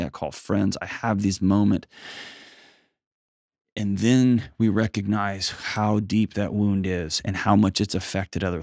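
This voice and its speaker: Low-voiced man giving emphatic, folksy counsel. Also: no room sound, studio quality. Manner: emphatic, folksy, plain-spoken. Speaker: advice show host counseling a caller. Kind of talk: conversational coaching.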